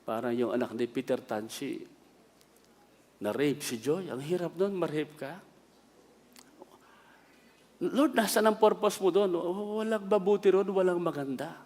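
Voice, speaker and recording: A middle-aged Filipino man, a bishop, preaching a sermon with personal stories, often asking "Amen?" and shifting between quiet asides and loud exclamations. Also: on the high side, unhurried, long pauses, long reverb tail. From Philippines.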